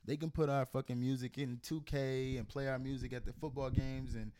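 A man co-hosting a podcast in casual chat, animated and slangy. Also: mid-range voice, brisk, clean tone. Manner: animated, slangy, lots of "you know what I'm saying". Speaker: podcast co-host.

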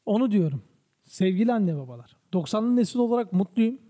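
Young guy ranting on his podcast, swears constantly, high-ish voice but dark and mellow. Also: animated, a little fast. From Turkey. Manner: profane, exasperated ranting. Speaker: podcast host. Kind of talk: casual ranting monologue.

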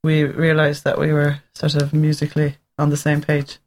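A man's voice: fairly high pitch, monotone, normal speed, a little mellow. A man from Waterford with an Irish accent, a musician guest who speaks in an earnest, plain way. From Waterford, Ireland.

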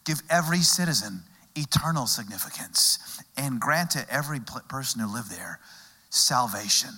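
A middle-aged male pastor from Texas, preaching a sermon through a humorous story told with dramatic pauses. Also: medium pitch, animated, bright, forceful tone, husky.

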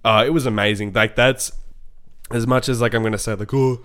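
A young man, co-hosting a podcast, telling an excited story in casual chat and acting out what people said. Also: mid-range voice, fairly quick, clear, resonant tone. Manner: excited storytelling, acts out quotes. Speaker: podcast co-host.

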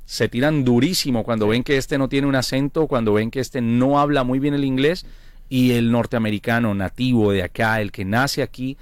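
A man's voice: medium pitch, fairly even intonation, normal speed, dry recording. A man from Colombia, co-hosting a radio show and telling an anecdote in a chatty, hesitant way full of fillers. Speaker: radio co-host. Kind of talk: casual radio chat, anecdote. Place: radio studio.

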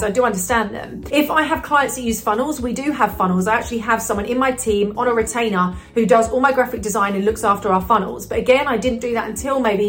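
Upbeat woman coach chatting to camera, a bit high voice, lots of you-knows. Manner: chatty, upbeat, many "you know" fillers. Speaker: business coach. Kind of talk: casual talk to camera.

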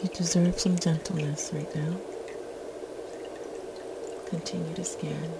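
A woman leading a guided meditation in a soft, soothing, gentle spa-like whisper, as the host. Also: low voice, flat delivery, takes it slowly, vocal fry, very noisy. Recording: loud watery ambience, dripping water. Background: running and dripping water ambience.

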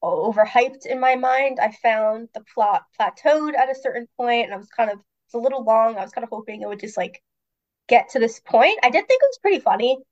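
A woman's voice: on the high side, lively intonation, fairly quick, muffled recording. Congested woman podcast co-host. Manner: chatty, frank opinions with fillers. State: congested from a cold. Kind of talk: casual podcast chat.

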